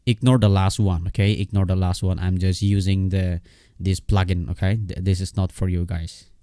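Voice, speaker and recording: This software tutorial host has a deep, relaxed, dark-toned voice and speaks off the cuff in a casual screen walkthrough. His delivery is halting and repetitive, with frequent pauses and check-ins asking if the listener is keeping up. The sound is close-miked, dry, and free of echo.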